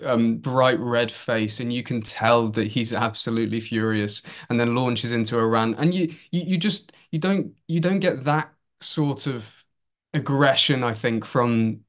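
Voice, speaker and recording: A man, a sports journalist guest on a podcast, chatting casually in a wry, hesitant way. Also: medium pitch. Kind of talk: casual football chat.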